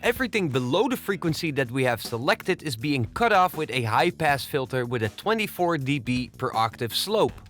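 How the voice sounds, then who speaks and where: A man presenting an audio plugin tutorial in a home studio, explaining each control step by step in a steady, methodical way. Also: medium pitch, moderate pace, hardly any pauses, soft background music. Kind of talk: software walkthrough tutorial.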